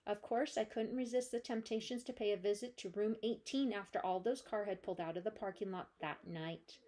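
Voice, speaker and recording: A woman librarian reading a children's chapter book aloud with gentle, steady storytelling. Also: medium pitch, fairly quick.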